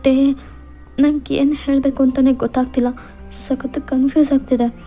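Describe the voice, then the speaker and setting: A woman's voice: high voice, little pitch movement, moderate pace, mellow, faint music behind, pitched above the performer's own voice, natural voice. A woman voicing a sad young widow, protesting. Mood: upset. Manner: distressed, protesting. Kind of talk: fan fiction voiceover.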